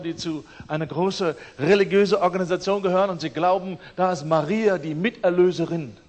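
A man with a high-pitched voice delivers a sermon, his words ringing with a long reverb tail through the hall. He is emphatic and restless in level, booming one moment and quietly pointed the next. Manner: emphatic, swings between loud declarations and quiet asides. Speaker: preacher.

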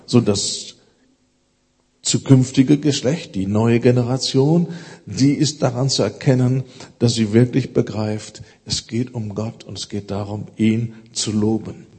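A man preaching a sermon, emphatic, pushing his voice up to stress key words and dropping low and quiet for solemn lines. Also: measured pace, husky.

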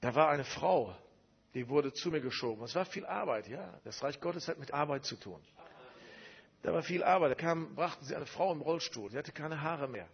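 A man's voice: fairly high pitch, lively intonation, moderate pace, creaky, slightly rough, muffled recording. A man preaching a sermon, telling a personal story emphatically and repeating phrases.

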